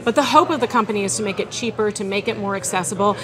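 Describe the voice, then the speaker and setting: A woman's voice: mid-range voice, rapid-fire, crowd noise. A woman reporter who interviews and explains in a friendly way and laughs easily.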